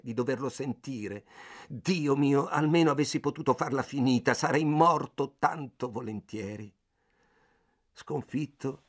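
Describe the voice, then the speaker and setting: A male audiobook reader giving a dramatic literary narration. His first-person telling is intense, moving between hushed, gloomy passages and sudden agitated surges. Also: mid-range voice.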